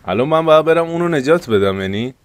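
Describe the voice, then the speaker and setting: A man with an Iranian Persian accent doing let's-play commentary as a gaming YouTuber. He swings between loud panicked yelps and hushed, tense muttering. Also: a little high, animated, clear, resonant tone, no room sound.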